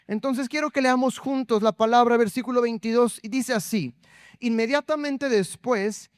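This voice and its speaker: A man's voice: extremely high pitch, clean tone, no echo, studio quality. A man preaching a sermon, reading scripture aloud and putting questions to the congregation. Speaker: pastor.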